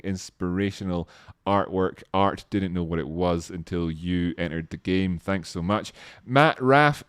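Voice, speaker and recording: A man's voice: lowish voice, clear, resonant tone, dry recording, clean studio sound. Rambling man thanking stream viewers. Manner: rambling, self-deprecating, warm thanks with frequent restarts. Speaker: live stream host. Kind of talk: casual live stream chat reading viewer names.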